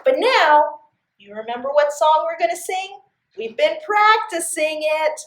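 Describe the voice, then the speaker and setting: In a reverberant space, a high-pitched woman reads aloud to young children at a measured pace as the library's story time host. Her delivery is sing-song and expressive, and she frequently puts questions to the kids.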